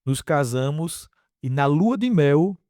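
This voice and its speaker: A man giving a casual faith testimony on a podcast, telling his story with lively acted-out dialogue. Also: fairly high pitch, slow pace, dry recording, studio quality. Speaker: podcast guest.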